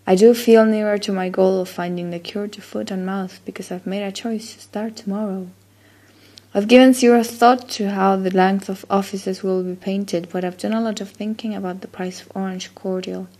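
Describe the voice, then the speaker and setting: Reading through a word list for an accent-tag vlog, a woman from Chile speaks with a Chilean accent as a native Spanish speaker. Her voice is mid-range and darkish. She's casual but somewhat unsure, letting phrases trail off into fillers.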